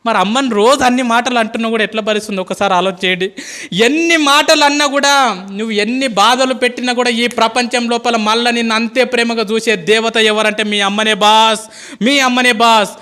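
A man's voice: very high-pitched, steady tone, a little fast, pushed and bright, smooth. A male school teacher gives an impassioned, pleading motivational speech to students. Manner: impassioned, pleading, calls listeners "boss".

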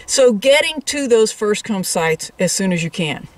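A woman co-hosting a travel vlog explains things to viewers in casual, direct chat to camera. Her medium-pitched voice is sing-song and a little slow, recorded far from the mic with no echo.

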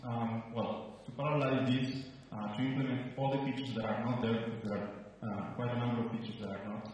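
A man in his thirties from Nicaragua giving a conference presentation into a handheld mic, halting with many fillers. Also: mid-range voice, steady tone, darkish tone, a little hiss or hum. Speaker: researcher giving a conference talk. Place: large room at a conference. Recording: roomy hall sound from a distant mic.

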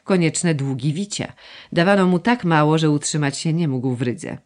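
A woman's voice: sits low, moderate pace, a little mellow, natural voice. A woman reading as a fussy, plaintive noble mother. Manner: gushing, complaining, coaxing. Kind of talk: audiobook dialogue reading.

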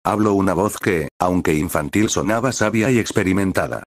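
A man narrating a fan-fiction story with steady reading aloud. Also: low-pitched, fairly quick, dry recording.

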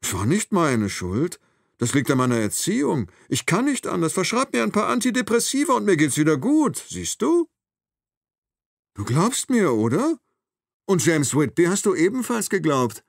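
A man's voice: a little high, huge pitch swings, moderate pace, gravelly, no room sound, clean studio sound, pitched above the performer's own voice, heavily acted. A man reading an audiobook, voicing a cold, mocking male killer who taunts his captive with sarcasm. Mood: taunting.

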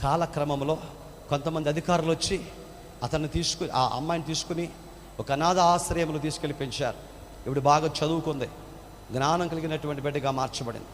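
A man's voice: a little high, fairly even intonation, a little fast. A male pastor telling a story in a sermon, dramatic and emotive in his delivery. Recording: echoey hall, faint background noise.

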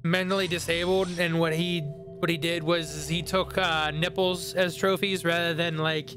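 A man's voice: fairly high pitch, flat delivery, normal speed, over music. A young man co-hosting a let's play, chatting casually with lots of fillers, restarts and giggles. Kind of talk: casual gaming banter.

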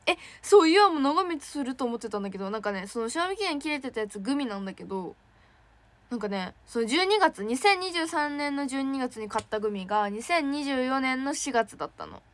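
A young woman, an idol trainee, chatting casually on a livestream and reacting excitedly to fan messages. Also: high voice, a little fast. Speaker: idol trainee streaming to fans.

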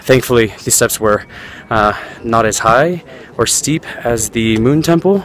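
A travel editor narrating a vlog outdoors at ancient ruins, chatty with many fillers, recording on a handheld camera. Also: male voice, mid-range voice, animated, a little slow, a bit bright. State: out of breath while climbing. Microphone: handheld camera while climbing. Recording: outdoor crowd noise behind.

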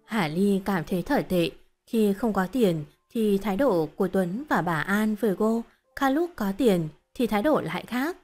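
A woman reading a short story as narrator in a steady, even storytelling voice. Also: mid-range voice, moderate pace.

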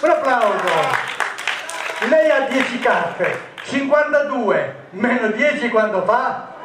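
A man's voice: extremely high pitch, lively intonation, takes it slowly, crowd noise, background noise. A man performing as a stage magician, giving jokey, teasing patter to volunteers in a live comic magic show. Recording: echoey, distant stage recording.

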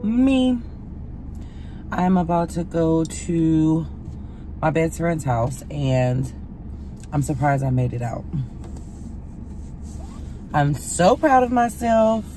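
A woman's voice: low-pitched, very animated, slow pace, pauses often, rough recording. A woman in her thirties chatting straight to her viewers in a casual car-talk vlog, recorded on a phone propped near the dashboard of a parked car at night. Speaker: vlogger. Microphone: phone propped on a stand near the dashboard. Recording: loud car and street noise. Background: car air conditioning hum.

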